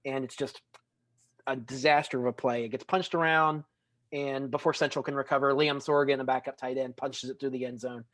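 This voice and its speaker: A man's voice: medium pitch, steady tone, a little fast, fairly bright tone, dry recording. Rambling man on a football chat show. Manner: rambling, stumbling, dry humor. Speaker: co-host. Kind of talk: casual sports podcast chat.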